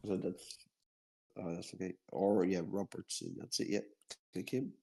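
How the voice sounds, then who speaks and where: Explaining a game over a video call, an Irishman wanders off track, says things more than once, and laughs easily at his own mistakes. He has a low, gravelly, warm voice and a flat delivery.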